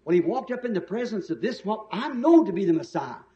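A man's voice: high-pitched, sing-song, normal speed, warm tone, roomy sound, dull audio. A man preaching a sermon with emphasis, telling the story in a folksy way.

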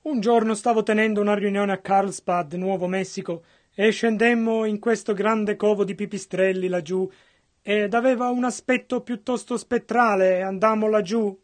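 A man interpreting a sermon with earnest, close phrasing. His voice is strikingly high for a man, and he speaks in short stretches between the preacher's lines. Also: steady tone, normal speed.

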